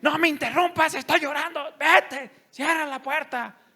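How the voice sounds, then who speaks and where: A man voicing a woman from a children's skit who angrily shouts at her son to leave while she prays. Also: unhurried, exaggerated voice. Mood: angry scolding. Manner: shouting, shrill and scolding. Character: shrill angry praying mother from a kids' skit.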